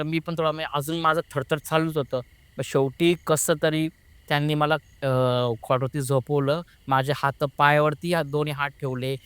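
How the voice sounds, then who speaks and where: Animated man telling a ghost story. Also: fairly high pitch, smooth, dry recording. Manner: animated, rushes and restarts when retelling fright. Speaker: guest recounting a paranormal experience. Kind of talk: conversational storytelling.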